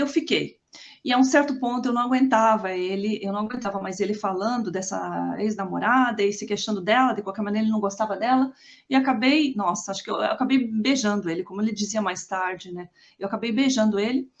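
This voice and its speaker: A Brazilian woman telling her own life story in a rambling way, with many tag questions and restarts. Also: a little high. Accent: Brazilian Portuguese. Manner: rambling, frequent "né?" tags and restarts. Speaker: storyteller recounting her past. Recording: slightly muffled lo-fi recording.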